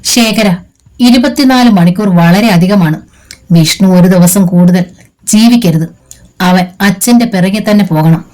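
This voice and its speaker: A woman's voice: mid-range voice, measured pace, a little mellow, natural voice, low-quality recording. A woman voicing a scheming older male crime boss who uses a wheelchair, speaking in a cold, commanding way in an audiobook reading.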